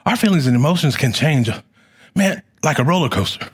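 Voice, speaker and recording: A middle-aged man preaching a sermon as pastor, with a fervent, repetitive cadence that swells loud and drops to quiet. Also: a little high, lively intonation, a little fast, husky.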